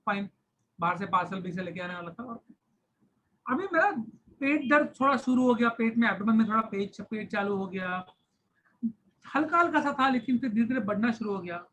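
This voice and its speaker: A man in his thirties, a science teacher, tells a lively personal story to his class, acting out groans of pain and mixing English phrases into Hindi. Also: high-pitched, a little fast, long pauses, slight background noise, poor audio. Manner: animated, acts out cries of pain, mixes English into Hindi.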